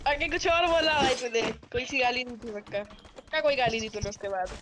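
A very high-pitched woman chatting with her squad during a shooter match, pushy and teasing, hyping every kill. Gunfire and game sounds are clearly heard behind her. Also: fairly quick, a bit bright, slight background noise. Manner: teasing, pushy, hypes kills. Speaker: squad teammate. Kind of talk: live gaming voice chat.

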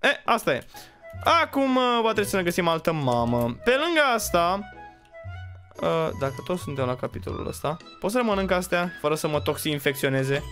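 A man commenting on his own gameplay as a channel host, excitable and quick to yelp and shout at his in-game pets. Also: fairly high pitch, soft background music. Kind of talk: let's play commentary.

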